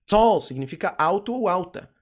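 A Brazilian man with a slightly raised voice teaches English in a relaxed, chatty recorded lesson. He voices his students' questions and answers them himself. He repeats each example sentence slowly. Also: sits high. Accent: Brazilian Portuguese.

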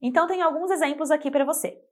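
A woman teaching a scripted pronunciation lesson, speaking clearly and slowing down to model example words. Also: high voice. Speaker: Spanish teacher.

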